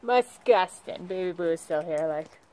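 A young woman in her twenties, a vlogger and horse trainer, chats casually into a phone held at arm's length while outdoors at a barn and paddock, talking fondly to her horses between comments. Her voice sits on the low side with a darkish tone and lively intonation at a normal speed. The audio is poor, with slight background noise, and the clip mixes vlog chat with voice-over.

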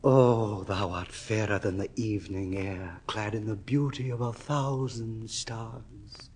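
An actor playing a desperate male scholar facing damnation, swinging from hushed, husky whispers to anguished cries. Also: lowish voice, steady tone, slow. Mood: enraptured. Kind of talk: classical stage acting. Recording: hall reverb.

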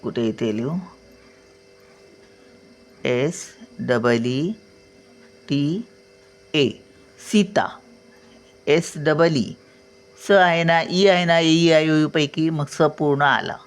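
An older woman gives a slow, unhurried lesson at home. She patiently spells out each letter and sounds out words syllable by syllable, often pausing to check that her learner is following. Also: low-pitched. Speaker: teacher.

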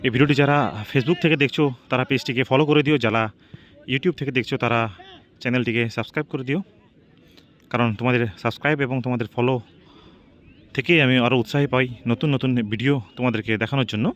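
A man's voice: mid-range voice, steady tone, fast talker, fairly bright tone. A man giving live football match commentary, repeating team names and phrases as he follows each shot. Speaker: football commentator and channel host.

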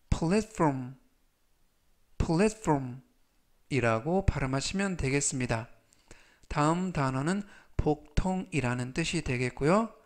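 Korean-accented guy teaching english words, talks real slow, kinda high voice, says every word three times. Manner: repeats each English word three times, reads example sentences very slowly. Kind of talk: slow, deliberate vocabulary lesson.

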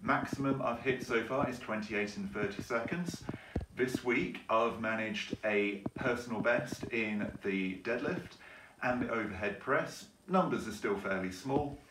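A man's voice: mid-range voice, unhurried. A man in his thirties talking casually and a bit ramblingly to camera as a fitness vlogger. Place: home kitchen, indoors. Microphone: camera a couple of metres away. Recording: roomy, distant mic, background noise.

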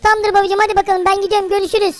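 A man voicing an excitable, whiny little boy in a Minecraft role-play, calling his dad in a chatty way. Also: extremely high pitch, racing, pitched above the performer's own voice. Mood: eager.

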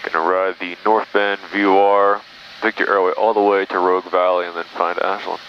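A man flying a small plane, talking through his cockpit headset intercom in calm, clipped radio phrasing. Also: low voice, brisk. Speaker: private pilot. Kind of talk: flying vlog with radio calls and checklists. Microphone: aviation headset. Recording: muffled intercom with engine noise.

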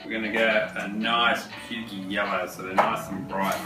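A man, a woodworking host who explains a project in a relaxed, chatty way with fillers. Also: fairly low pitch, moderate pace. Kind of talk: casual how-to narration. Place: large home workshop, indoors. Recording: roomy workshop sound, mic at a distance, music under the voice. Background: background guitar music.

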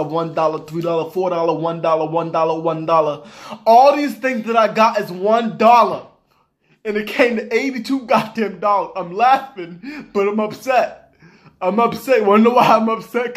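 A man with a high voice rants straight to his viewers in a casual vlog. He talks in loose slang and circles back to the same lines for emphasis, exasperated and animated. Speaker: vlogger.

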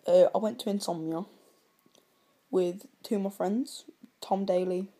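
A woman records a casual vlog on her phone, her voice mellow and soft-edged. She rambles from one thing to the next, stops herself partway through sentences and apologizes a lot. The phone video gives it a homemade, offhand feel. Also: mid-range voice, fairly even intonation. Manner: rambling, self-interrupting, quick to apologize. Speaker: vlogger. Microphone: phone camera.

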